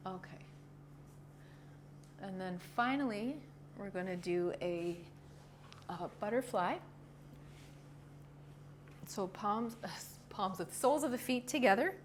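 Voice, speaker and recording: A woman leading a yoga class with short, calm cues in a gentle, encouraging, informal way. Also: mid-range voice, slow pace, pauses often. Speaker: yoga instructor. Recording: clearly noisy ambient background.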